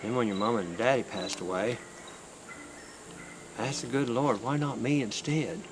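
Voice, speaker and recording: A man playing an older grandfather, speaking softly, slowly and from the heart. His voice sits at an average pitch. Crickets chirp loudly around him in the night air. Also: close to an everyday voice. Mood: tender. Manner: gentle, pleading, slow and heartfelt. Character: grieving rural grandfather comforting his grandson. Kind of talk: film drama acting. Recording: crickets and night noise outdoors.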